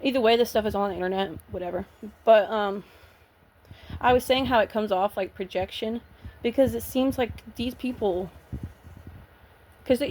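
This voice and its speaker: A woman's voice: fairly high pitch, a little mellow, a little hiss or hum. A woman vlogging in a casual, blunt rant, swearing freely and sounding nervous and shaky. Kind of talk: casual ranting vlog.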